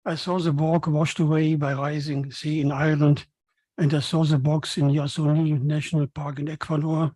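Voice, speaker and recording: A man from Germany with a German accent, a native German speaker, giving a prepared welcome speech in a formal, halting, read-aloud manner. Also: a little high, level tone, warm tone, dry recording. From Cologne, Germany. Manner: halting, formal, reading from text. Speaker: event speaker, foundation co-founder.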